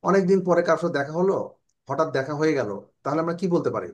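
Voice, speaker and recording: Bangladeshi male English teacher, slow modelling. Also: fairly high pitch. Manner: explains in Bengali, slowly models English phrases. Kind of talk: online English class.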